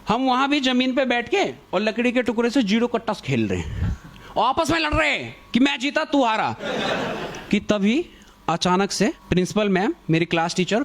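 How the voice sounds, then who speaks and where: A young man telling a school story as a stand-up comedian, animated and laughing as he acts out the characters. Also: high voice. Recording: noisy recording with clicks.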